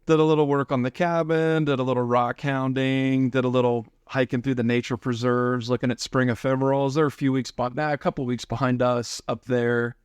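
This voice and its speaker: A man's voice: mid-range voice, flat delivery, brisk, hardly any pauses, smooth, dry recording. A man co-hosting a gardening podcast in casual chat, joking and easygoing, close on a studio mic. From Central Ohio. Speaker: podcast co-host.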